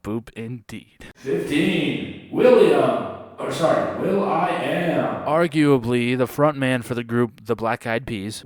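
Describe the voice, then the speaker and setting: A man's voice: mid-range voice, no echo, clean studio sound. A man hosting a casual ranking commentary, sarcastic and joking, with playful jabs. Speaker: host.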